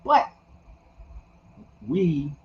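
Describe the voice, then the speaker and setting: A man's voice: on the high side, very animated, extremely slow. An older man in casual conversation, easygoing and telling stories with frequent laughs. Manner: easygoing, storytelling, laughs often. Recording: dull lo-fi sound with faint background noise.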